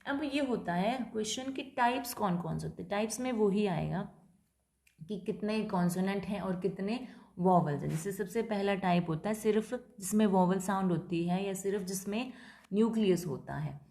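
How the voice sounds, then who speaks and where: Patient woman teacher, mellow Hindi-English lecture. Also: medium pitch. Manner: explains in Hindi mixed with English terms, reads English definitions slowly; keeps checking in with the class, repetitive and patient. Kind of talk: lecture explaining syllable structure.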